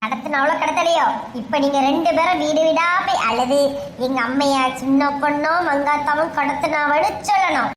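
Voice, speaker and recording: A woman's voice: high-pitched, steady tone, normal speed, reverberant, background noise. Woman playing a bossy scheming village mother. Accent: Kanyakumari Tamil. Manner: bossy and scolding. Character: scheming middle-aged mother faking her kidnapping.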